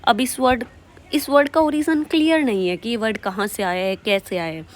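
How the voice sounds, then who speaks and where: A woman teaching English vocabulary in Hindi for exam preparation. She explains patiently, often checks in with "right?", and reads the example sentences in an Indian English accent, slowly and carefully. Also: on the high side, steady tone. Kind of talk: online exam-prep lesson.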